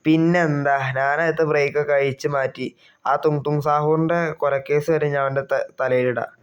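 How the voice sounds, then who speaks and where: Guy doing sneaky crooked cops in a game, low slow mutter, smooth clear voice. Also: fairly even intonation, lightly acted. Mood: scheming. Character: scheming crooked male police officers.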